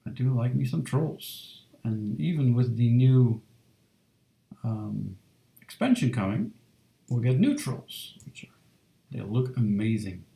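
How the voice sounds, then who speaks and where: This streamer talks casually while drawing fan art live, tossing in plenty of fillers and reading out chat comments. His gravelly, mellow voice is pitched in the middle range and comes across soft, relaxed and in no hurry. The recording is rough, and his home studio room has an echo.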